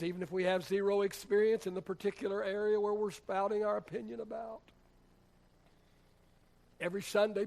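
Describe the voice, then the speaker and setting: A man's voice: high-pitched, gravelly. A man, a pastor, preaching a sermon in a church in a conversational, humorous storytelling way. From United States.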